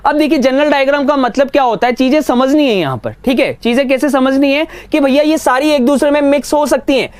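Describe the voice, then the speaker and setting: A man teaching reasoning in a live exam-prep class, brisk and coaxing, mixing Hindi with English. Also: extremely high pitch, dry recording.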